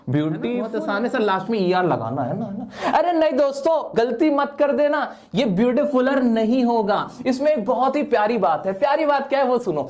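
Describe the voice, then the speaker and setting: A man's voice: high-pitched, a little mellow. A man teaching English grammar in an online lesson. He asks questions and answers them himself, repeats key points and slips English words into his explanations.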